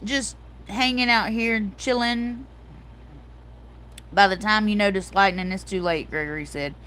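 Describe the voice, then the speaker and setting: A woman's voice: mid-range voice, a little slow, a bit bright, a little hiss or hum. A middle-aged woman hosting a casual livestream, telling stories animatedly and calling her viewers y'all. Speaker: livestream host.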